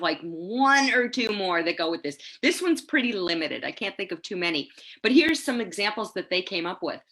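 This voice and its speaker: A woman in her sixties leading an online teacher-training webinar over a video call, enthusiastic and quick to laugh. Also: on the high side. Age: 60s. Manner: lively, enthusiastic, laughs often. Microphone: laptop webcam on a video call.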